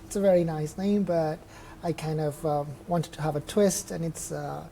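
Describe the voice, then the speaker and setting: Mellow-voiced young man from Mexico. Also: on the high side, fairly even intonation, moderate pace, creaky, a little hiss or hum. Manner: open and reflective, with thinking-aloud restarts. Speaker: trail runner guest. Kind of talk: casual interview chat. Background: faint chatter of people nearby.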